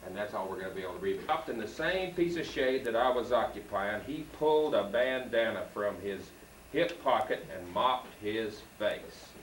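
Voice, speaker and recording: A man's voice: on the low side, animated, normal speed, a little hiss or hum. Guy reading a kids book at a school show, old vhs tape, echoey room, far from the cam. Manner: reads the story and cues the student readers. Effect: old home video tape sound. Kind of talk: reading a children's book aloud with students. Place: school hall. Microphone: far camcorder mic. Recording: echoey hall taped from far off.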